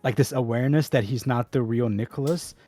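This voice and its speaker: A man's voice: medium pitch, fairly quick, dark tone. Hesitant man thinking aloud, faint music behind. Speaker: player in a tabletop game. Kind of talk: casual chat.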